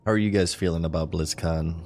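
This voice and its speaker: A man's voice: deep voice, fairly even intonation, brisk, a little mellow, a little hiss or hum. A man casually commenting on his gameplay as a streamer, chatting with viewers as he plays. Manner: chatty, talks to chat while playing. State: hiccuping.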